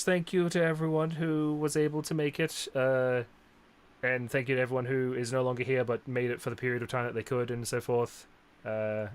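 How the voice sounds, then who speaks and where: A man hosting his own live stream in casual chat, animated and jumping high in pitch for quoted asides. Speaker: streamer host.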